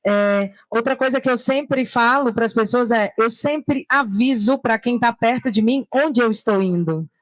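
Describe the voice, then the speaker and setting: A woman's voice: fairly high pitch, unhurried, few pauses, no echo. Chatty Brazilian woman giving travel tips. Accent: Brazilian Portuguese. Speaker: panel guest, solo traveler. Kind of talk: casual panel conversation. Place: stand at a tourism fair.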